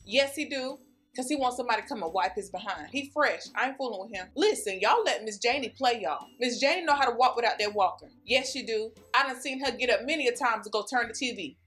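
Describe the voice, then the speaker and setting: A woman's voice: on the high side, expressive, quick pace, a bit bright, breathy edge. A woman doing a comedy sketch monologue as a nursing home aide, sassy and gossipy, chatting in casual dialect.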